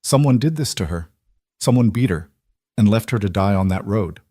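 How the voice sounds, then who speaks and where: An exhausted single father speaks hoarsely with raw emotion, voiced by the story's narrator. The voice is low and recorded close with no room sound. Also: lively intonation, moderate pace, mellow, no echo. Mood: shaken. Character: worn-out single father, shaken.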